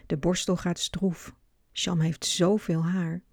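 A woman reads a children's book aloud in a clear, expressive way. Her voice is low and gravelly, and the recording is close and dry. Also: slow pace, no echo. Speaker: storyteller.

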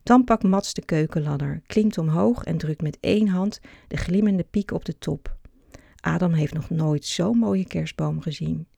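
A narrator calmly reading a children's story aloud. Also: medium pitch, measured pace, vocal fry, slightly rough, no echo, clean studio sound.

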